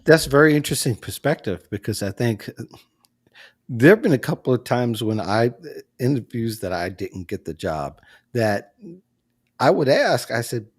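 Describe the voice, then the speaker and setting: A man's voice: mid-range voice, expressive, normal speed. Conversational male host who laughs easily. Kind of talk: casual panel chat.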